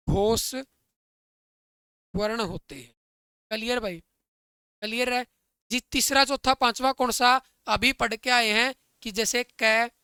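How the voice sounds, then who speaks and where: A man teaching Hindi grammar in an online exam-prep lesson, calling his listeners brother and dear friends and checking again and again that it is clear. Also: very high-pitched, bright, forceful tone, dry recording. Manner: keeps asking students if it is clear.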